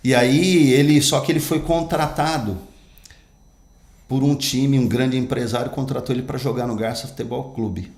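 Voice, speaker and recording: As a podcast guest, a man who is both an actor and a pastor tells his life story in an emphatic, earnest manner during an interview. His mid-range voice is darkish, steady in tone and moderate in pace. The recording is reverberant.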